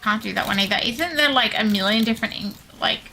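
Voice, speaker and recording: A woman's voice: on the high side, quick pace, vocal fry, pushed and bright, a little hiss or hum. An Australian woman streaming a game, chatting casually with her viewers and muttering asides to herself as she plays. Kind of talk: casual livestream chat while gaming.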